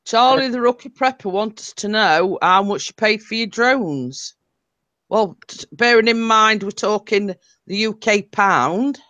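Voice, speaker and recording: A woman's voice: mid-range voice, expressive, unhurried, a bit bright, lo-fi sound. A woman co-hosting a casual live stream, chatty and reading out viewer comments.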